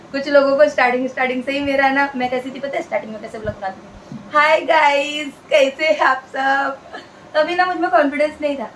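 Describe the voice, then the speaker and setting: Woman vlogger, a touch high-pitched, earnest, chatty, repeats herself for emphasis. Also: slight background noise, poor audio. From India. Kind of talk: casual talk to camera.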